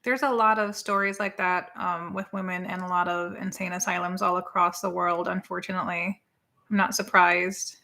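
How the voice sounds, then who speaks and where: A woman co-hosting a live watch party stream chats and rambles while reading viewer comments, sometimes spelling words out. Her lowish voice is steady and moderately paced, with a creaky, sharp edge.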